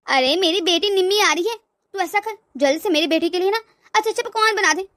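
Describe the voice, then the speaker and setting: Scornful cartoon mother-in-law, woman voicing, shrill high voice, dry. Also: fast, a bit bright, no room sound. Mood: nagging. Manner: nagging, haughty. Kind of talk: cartoon voice acting.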